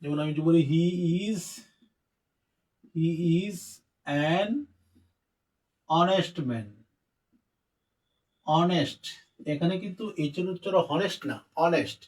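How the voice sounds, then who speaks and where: High-voiced man teaching English slowly. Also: darkish tone, distant mic, rough recording. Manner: spells out letters slowly, addressing students directly. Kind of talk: spelling and pronunciation lesson.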